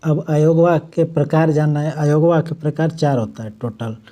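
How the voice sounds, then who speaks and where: A man teaching a Hindi grammar lesson, his voice fairly high for a man but warm and mellow. He explains each point step by step, restates it in simpler words, and draws out the example words slowly. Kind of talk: exam-prep grammar lesson.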